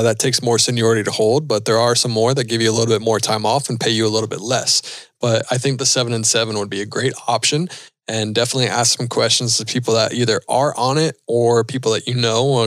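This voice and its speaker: A man's voice: mid-range voice, no echo, studio quality. A man in his thirties hosting a casual podcast, answering listener questions in an easygoing way and thinking aloud with fillers. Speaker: podcast host and pilot.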